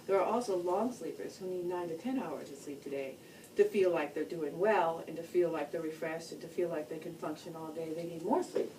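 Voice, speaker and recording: A woman's voice: low voice, a little fast, mellow. A woman giving an informal, plain-spoken educational talk about health, explaining things in a loosely structured way. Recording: distant mic, noticeable background noise.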